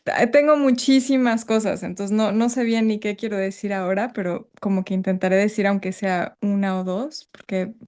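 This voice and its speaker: A woman's voice: medium pitch, steady tone, moderate pace, a little mellow. A woman speaks on a group video call, her voice sitting in an ordinary middle range. She is stirred up and keeps reaching for the right words, frank and reflective as she shares with the group. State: emotionally stirred. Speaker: workshop participant. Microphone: video call microphone.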